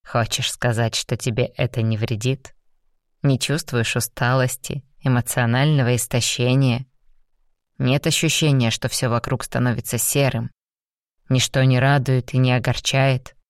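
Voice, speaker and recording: A woman voicing a cocky, playful male demon lover in an audiobook, dropping to a husky, teasing murmur. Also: a bass voice, fairly even intonation, moderate pace, dry recording, studio quality, pitched below the performer's own voice. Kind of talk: audiobook reading.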